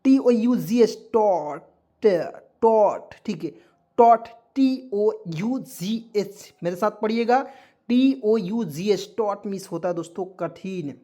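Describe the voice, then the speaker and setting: A man's voice: high-pitched, lively intonation, takes it slowly, dark tone. A man teaching English words in a lesson, spelling each one letter by letter, repeating it and asking the viewers questions. He speaks with a tinge.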